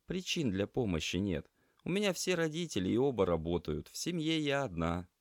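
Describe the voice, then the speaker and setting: A man's voice: fairly low pitch, very animated, normal speed, dry recording, studio quality, voice pushed up. A man doing a sulky grumbling girl student. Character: grumpy young female student activist.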